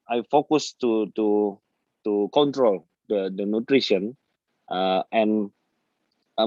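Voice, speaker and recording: A man with an Indonesian accent, a native Indonesian speaker, explaining haltingly and apologetically in English as he searches for words. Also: fairly low pitch, darkish tone. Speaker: farmer speaking in a webinar. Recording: dull, echoey online call audio.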